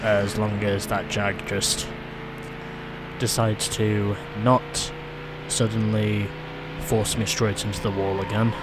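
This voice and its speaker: A man's voice: on the low side, flat delivery, takes it slowly, heavy background noise. A man hosting a let's play, chatting casually through gameplay and reading event text aloud.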